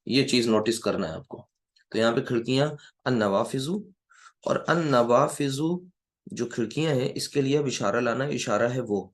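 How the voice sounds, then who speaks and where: A man giving a classroom grammar lecture who keeps quizzing his students and slowly repeats key words. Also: medium pitch. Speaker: Arabic grammar teacher.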